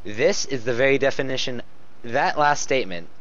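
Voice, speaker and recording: In a dull, lo-fi home recording, a man reads fan fiction aloud for laughs, tripping over lines and tossing in mocking remarks. He often cracks up mid-sentence. His voice is medium-pitched, expressive and fairly bright, at a moderate pace.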